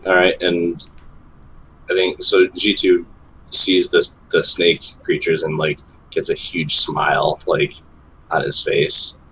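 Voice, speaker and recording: A very deep-voiced man speaks as a player at a tabletop game, pausing and restarting as he goes. Faint noise hums behind his voice. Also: monotone, sharp tone, rough recording. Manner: halting, filler-heavy. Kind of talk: casual tabletop game talk.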